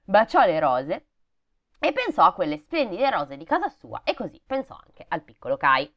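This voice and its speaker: A woman's voice: lowish voice, huge pitch swings, moderate pace, highs cut off. A woman reading a fairy tale aloud, breaking off with sarcastic, swearing comments. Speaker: storybook reader.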